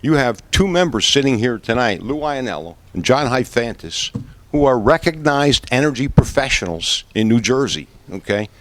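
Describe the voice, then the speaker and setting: A man's voice: medium pitch, sing-song, moderate pace. A man in the role of an energy industry advocate, speaking to a school board and summing up his points in a firm, direct way. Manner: assertive, direct, sums up points firmly. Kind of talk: summarizing remarks at a public board meeting. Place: school board meeting room.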